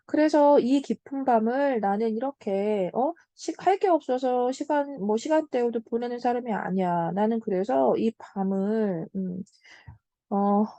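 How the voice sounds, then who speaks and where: A young woman with a fairly high, mellow voice gives an online literature lesson. She explains patiently, checks in with her student and slows down on key terms. The sound is close and dry. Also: dry recording. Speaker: Korean literature tutor. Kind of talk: online lecture.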